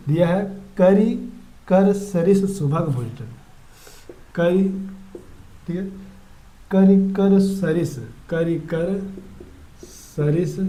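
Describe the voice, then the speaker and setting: A male teacher explaining a grammar lesson, repeating key words slowly and asking the class questions. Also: on the high side, mellow. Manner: repetitive, drills words slowly.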